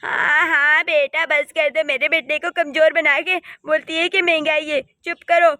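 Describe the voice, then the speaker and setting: Woman doing a scolding old village mother-in-law for a cartoon, high bright voice, dry sound. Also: level tone, measured pace, no room sound. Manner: scolding, complaining. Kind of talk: cartoon voice acting.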